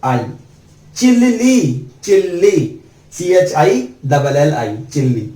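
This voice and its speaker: A male teacher with a high, darkish voice gives a spelling lesson at a board, drawing out each letter slowly one by one. The room echoes, and the mic sits at a distance.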